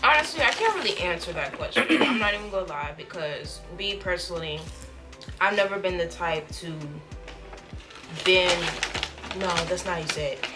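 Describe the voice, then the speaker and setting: A woman co-hosting a casual mukbang chat, teasing with jokes she quickly takes back. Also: on the low side, animated, music in the background. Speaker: co-host of a mukbang channel. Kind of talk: casual chat while eating.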